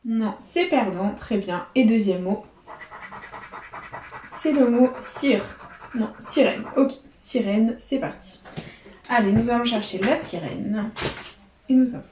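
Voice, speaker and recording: A higher-pitched woman with a warm, mellow tone chats her way through scratch-card results, talking to viewers as pals. The sound is echoey, with faint noise under her voice. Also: slow, long pauses. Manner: chatty, addresses viewers as friends. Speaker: scratch-ticket vlogger. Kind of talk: casual running commentary.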